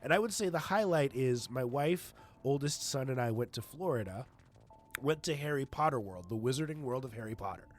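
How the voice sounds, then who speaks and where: A man's voice: medium pitch, lively intonation, fairly quick. A middle-aged man hosting a podcast in a casual, conversational style. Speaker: podcast host.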